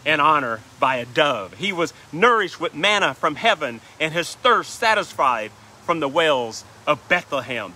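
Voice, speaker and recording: A man's voice: fairly high pitch, bright, forceful tone, a little hiss or hum. A man preaching as a pastor, reading King James scripture in a rhythmic cadence and adding "right?" asides. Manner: reads scripture aloud in King James wording. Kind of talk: sermon.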